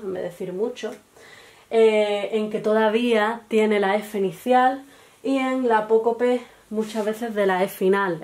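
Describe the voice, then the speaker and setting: A woman with an Andalusian accent giving a recorded language lesson, explaining step by step with pauses and fillers, often checking in with her students. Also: mid-range voice, darkish tone. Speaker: teacher.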